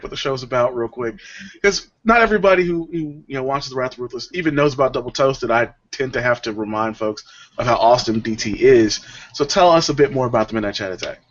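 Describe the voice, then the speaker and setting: A man's voice: medium pitch, a bit bright. A man hosting a podcast, telling stories in a laid-back, rambling way with lots of fillers. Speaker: podcast host. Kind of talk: casual podcast chat. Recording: dull lo-fi audio.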